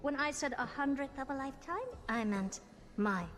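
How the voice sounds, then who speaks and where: A woman's voice: high voice, normal speed, fairly bright tone, soft background music. A woman playing a haughty, brilliant scientist in a video game, imperious, theatrical and dryly exasperated. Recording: long reverb, noisy stream game audio.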